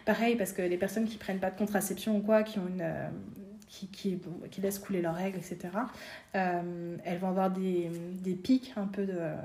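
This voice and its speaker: A woman's voice: mid-range voice, steady tone, fairly quick, mellow, reverberant. A woman guest in a casual interview, explaining her craft with many fillers and restarts. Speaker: guest, seamstress and designer.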